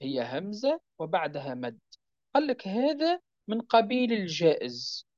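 A man teaching the rules of Quran recitation step by step, checking with his listeners and chanting the verse examples slowly. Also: high-pitched, huge pitch swings, a little mellow, dry recording. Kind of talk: religious lesson explaining recitation rules. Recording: dull, dry lo-fi recording.

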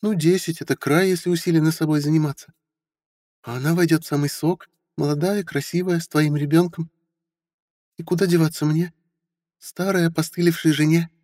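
A man putting on a bitter, high-voiced forty-year-old wife. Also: steady tone, brisk, a little mellow, dry recording, clean studio sound, big-room sound, close to an everyday voice. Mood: bitter sarcastic. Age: 40s. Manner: bitter, sarcastic. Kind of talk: audiobook character voice.

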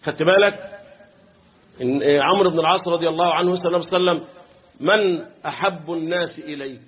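A man with an Egyptian accent giving a Quran commentary lesson, often clearing his throat and quizzing his listeners with questions. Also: on the high side, rapid-fire. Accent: Egyptian Arabic. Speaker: Islamic teacher. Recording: tinny phone-like recording.

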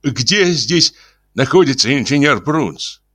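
Man putting on a pleading, obsequious priest, gushing rapid patter, higher than his own voice, storybook reading. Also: bright, forceful tone, no room sound, studio quality, exaggerated voice. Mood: polite. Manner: fawning, pleading, rapid mumbling. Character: bearded middle-aged priest, fawning and cunning.

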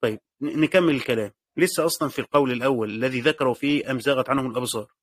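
A man's voice: mid-range voice, rapid-fire, no echo, studio quality. A man with an Egyptian accent teaching a lesson on Quranic exegesis. He explains step by step, repeats key phrases, and asks and answers his own questions. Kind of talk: classroom lesson commentary.

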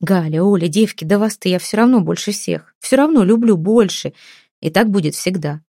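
Figure: warm, flustered mother in her forties, read by a woman; soft, mellow tone. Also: mid-range voice, normal speed, dry recording, clean studio sound, close to an everyday voice. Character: warm, flustered middle-aged mother Eva.

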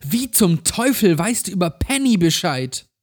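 A man's voice: sits high, big pitch swings, measured pace, breathy edge, pitched above the performer's own voice, full character voice. A man playing a terrified man, shaken. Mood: frightened. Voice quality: frightened, pleading. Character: terrified adult man trapped in a nightmare.

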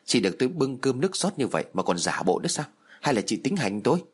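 A man's voice: mid-range voice, sing-song, fast talker, husky. A man reading the part of a scheming, spiteful old mother-in-law who scolds and sneers. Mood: scornful.

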